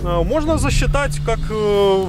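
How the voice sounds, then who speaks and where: A high-voiced man outdoors, bantering with friends and shouting directions at a driver stuck on an obstacle. Loud music plays behind him the whole time. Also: lively intonation, measured pace. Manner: calls out instructions and urges the driver on. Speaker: off-road driving spectator.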